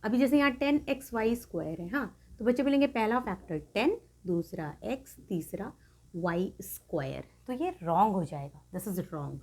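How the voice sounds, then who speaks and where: A woman's voice: mid-range voice, normal speed. Woman math tutor checking understanding. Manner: repeats checks like "clear?", lively emphasis. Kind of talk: explaining math lesson to students.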